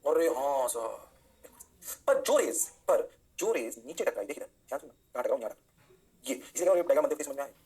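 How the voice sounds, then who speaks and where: A man teaching an energetic physics lecture, often answering his own questions in a student's voice. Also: a little high, fast talker. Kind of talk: online lecture.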